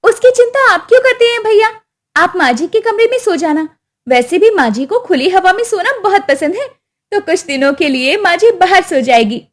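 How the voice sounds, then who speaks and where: A woman's voice: expressive, moderate pace. Woman doing a scheming daughter-in-law. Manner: sly and scolding, shrill.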